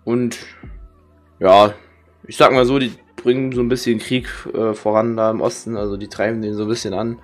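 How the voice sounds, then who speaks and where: A man's voice: on the low side, flat delivery, normal speed, soft background music. A young man from Germany gives casual, rambling gameplay commentary in slangy speech, grumbling and swearing. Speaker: gaming streamer. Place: indoor room with webcam.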